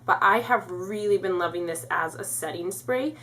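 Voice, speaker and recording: A woman's voice: medium pitch, moderate pace, a bit bright, slight background noise. A young woman reviewing her favorite beauty products in a chatty way, full of "like", congested and a bit out of breath. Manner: chatty, lots of "like" fillers. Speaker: beauty vlogger.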